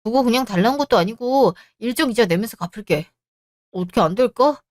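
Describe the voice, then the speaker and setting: A woman's voice: on the high side, animated, fairly quick, darkish tone, no echo, studio quality, natural voice. A woman voicing a jobless, sulky younger husband in a radio drama, with a pleading, whiny manner. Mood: coaxing.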